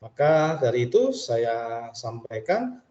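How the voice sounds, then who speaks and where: A man leading a webinar for teachers who explains slowly and repeats French phrases with a rising intonation. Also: medium pitch, sing-song, a little mellow. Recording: dull, roomy webinar audio.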